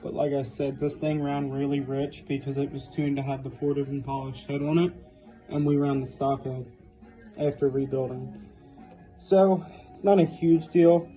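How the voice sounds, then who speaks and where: A man's voice: mid-range voice, monotone, normal speed, dark tone, soft background music, poor audio. A man talking plainly and matter-of-factly as a home mechanic, in a casual how-to vlog style. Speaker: home mechanic presenting a dirt bike engine rebuild.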